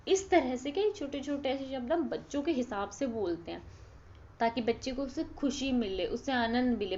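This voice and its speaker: A woman tutor explains course material in a relaxed, conversational lesson and keeps checking in with her listeners. Her voice sits fairly high. The recording sounds dull and lo-fi. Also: slight background noise. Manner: conversational, checks in with listeners, acts out baby talk as examples. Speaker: tutor for distance-learning exam prep.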